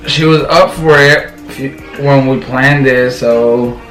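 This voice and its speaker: A man's voice: mid-range voice, steady tone, takes it slowly. A man hosting a challenge vlog with casual, goading banter. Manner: cocky, goading. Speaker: host of an eating challenge video. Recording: echoey room with music.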